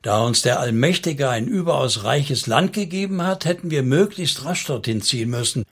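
A man's voice: medium pitch, animated, normal speed, breathy edge. A man doing a furious, scornful prince. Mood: bitter. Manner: angry, sneering.

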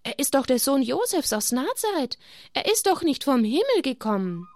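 A woman's voice: high-pitched, very animated, moderate pace, a little mellow, pitched above the performer's own voice. A woman voicing a doubtful, grumbling man from the crowd in a children's Bible story.

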